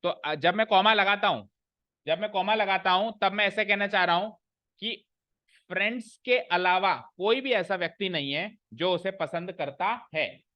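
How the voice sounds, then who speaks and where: A man with a high-sitting voice lectures a class on English grammar at normal speed, repeating points and quizzing students. There's no room sound, though the recording is muffled.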